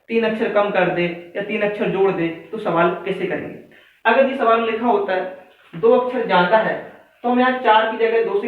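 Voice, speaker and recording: A male maths teacher explaining a reasoning lesson, counting aloud step by step and asking his students questions. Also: high voice. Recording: echoey room, far mic, phone-like sound.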